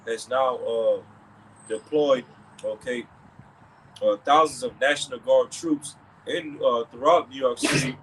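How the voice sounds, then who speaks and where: A man works through a religious commentary in a middle-pitched voice, talking a little slowly and rambling, circling back with "okay" and "all right" between thoughts. The recording is low quality, with a faint hiss underneath.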